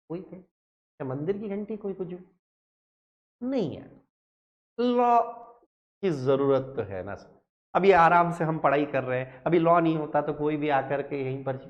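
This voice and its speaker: Male lecturer, fairly high voice, lively, fires off rhetorical questions. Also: highs cut off. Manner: lively, rhetorical questions, mixes English terms into his talk. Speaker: law teacher. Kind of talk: classroom lecture.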